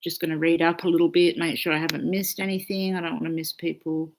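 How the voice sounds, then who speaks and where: A woman's voice: low voice, level tone, quick pace, slight background noise. A woman astrologer hosting a casual live stream, chatting freely, swearing often and reading out viewer comments.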